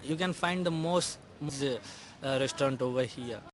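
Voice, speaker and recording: A man's voice: mid-range voice, a little slow, slight background noise. A man from India, answering street interview questions hesitantly with many fillers and restarts.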